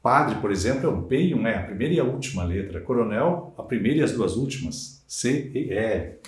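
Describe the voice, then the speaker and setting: A man from Brazil teaching Portuguese in a recorded exam-prep lecture, with lively, emphatic delivery and frequent rhetorical tags. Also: on the low side, a little fast. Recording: echoey room.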